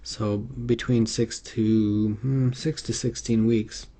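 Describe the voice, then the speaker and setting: A man with a lowish, mellow voice walks through a medical exam tutorial over slides, speaking slowly in a level tone. The instructional lecture is unscripted, and he hesitates often, with lots of fillers and restarts.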